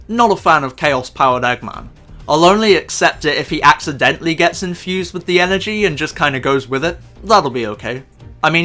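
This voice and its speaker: A man's voice: fairly high pitch, sharp tone. A man ranting about a film in sarcastic, profane, exasperated commentary. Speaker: YouTube commentator.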